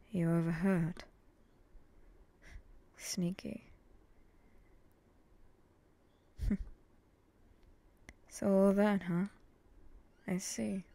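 A woman playing a brooding, vengeful samurai in an ASMR role-play, speaking in a breathy, terse, deadpan way. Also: lowish voice, no room sound, heavily acted. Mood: wary, intrigued. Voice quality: breathy, often dropping in a soft voice.

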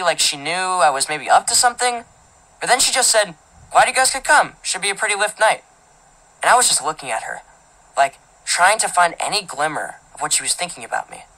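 A woman's voice: lowish voice, bright, forceful tone, poor audio. A woman narrating a teenage boy's first-person story as an audiobook, in a casual, filler-filled, indignant manner. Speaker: audiobook reader.

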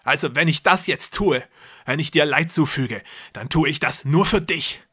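A man voicing a cruel, deluded young man who believes he is a god, speaking loudly and feverishly. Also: fairly high pitch, normal speed, slightly rough, voice pushed up. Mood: raving menacing. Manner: loud, intense, feverish delivery.

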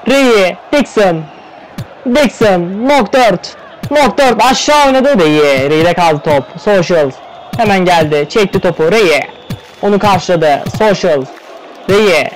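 High-voiced excitable male game commentator. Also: a little hiss or hum, poor audio. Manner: rapid-fire calling of player names, excited outbursts. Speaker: play-by-play commentator. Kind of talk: live esports play-by-play commentary.

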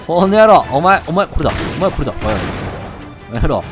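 A man commentating his own gameplay, excitable, yelping and swearing at enemies. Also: a little high, quick pace. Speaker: let's-play gamer. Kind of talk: live game commentary. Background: game audio and music.

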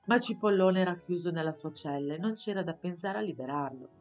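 A woman reading a children's novel aloud for schoolchildren, in an expressive storytelling style. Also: sits low, quick pace, dull audio, soft background music. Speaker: audiobook reader for schoolchildren. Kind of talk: storybook narration.

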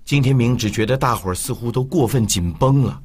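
A man narrating an audiobook in an expressive storytelling manner. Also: medium pitch, a little fast, breathy edge. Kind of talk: scripted narration.

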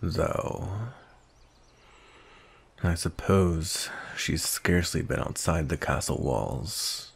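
Speaking at an extremely low pitch, a man portrays a grumpy, cold, commanding vampire knight in a roleplay ASMR. His voice is husky and gravelly, his delivery stern and measured but expressive.

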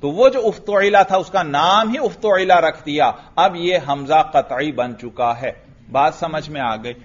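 Pakistani guy lecturing a class on grammar, fairly high voice, muffled lo-fi sound, slow explaining and lots of quizzing. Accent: Pakistani Urdu. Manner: explains slowly, recites Arabic terms, asks students questions. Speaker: teacher of Arabic grammar. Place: religious school classroom.

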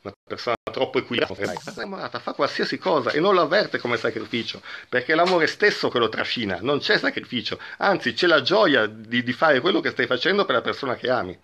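A man giving a reflective spiritual talk and reading a parable aloud, speaking slowly and thoughtfully with frequent pauses. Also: mid-range voice, sing-song, sharp tone. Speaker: spiritual teacher.

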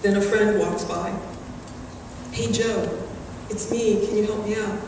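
At a podium microphone in a large hall, a middle-aged woman gives a prepared graduation speech as the graduating class speaker, measured and earnest. Her medium-pitched voice has fairly even intonation. Recorded from the audience, the sound is distant, very echoey and carries background noise.

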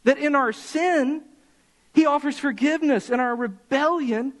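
A man preaching a Sunday sermon as pastor of a church, impassioned and slowing down to stress key words. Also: very high voice. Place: church sanctuary.

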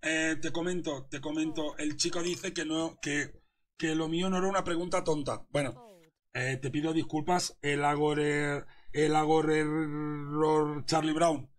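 A man's voice: a little high, fairly even intonation, moderate pace. A young man, a poker coach commentating his hands live and teasing a viewer in chat.

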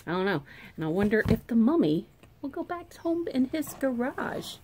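A woman, a preschool teacher, reading a picture book aloud to young children in an animated, expressive way, with hushed asides, recorded on a phone camera. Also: a little high, moderate pace, a little hiss or hum.

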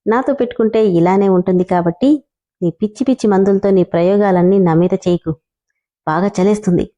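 Woman doing young husband, irritated, mocking, mellow voice. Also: medium pitch, a little fast, close to an everyday voice. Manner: gruff, scolding.

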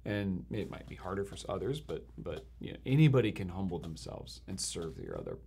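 A man's voice: low-pitched, huge pitch swings, fairly quick, creaky, dark tone, a little hiss or hum. A man co-hosting a faith reaction show, speaking earnestly and with enthusiasm, with plenty of casual fillers.

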